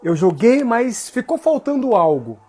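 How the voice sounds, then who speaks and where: A very high-pitched, sing-song voice with a darkish tone and a breathy edge moves at a measured pace as this capoeira teacher greets viewers in a casual livestream lesson. He's from Jacobina, Bahia, Brazil, has a northeastern Brazilian accent, and speaks informally with slang, often repeating phrases.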